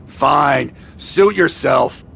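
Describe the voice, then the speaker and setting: A man voicing a gruff, impatient middle-aged bounty hunter in a hammy anime dub, with a growling delivery. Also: medium pitch, very slow, sharp tone, a little hiss or hum, heavily acted. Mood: irritated. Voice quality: gravelly, growling.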